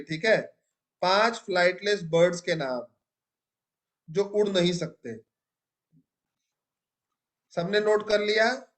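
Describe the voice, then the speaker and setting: A young man teaching a biology class, asking students questions and praising their answers. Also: high-pitched. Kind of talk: classroom lecture.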